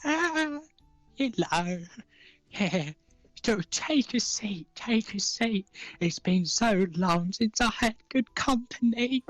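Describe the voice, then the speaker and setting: Man putting on a slow, frail, shaky old woman. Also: sits high, expressive, no echo, faint music behind, voice pushed up, full character voice. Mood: gentle, welcoming. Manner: slow, hesitant, doddering, gently fussy. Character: frail, short, hunched old human woman, kindly and welcoming. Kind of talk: tabletop role-play character voice.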